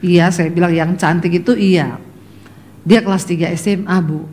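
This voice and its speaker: A middle-aged woman preaching a sermon, telling lively stories about her family and acting out their voices as she addresses the congregation. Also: on the low side, moderate pace. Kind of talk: sermon with personal anecdotes.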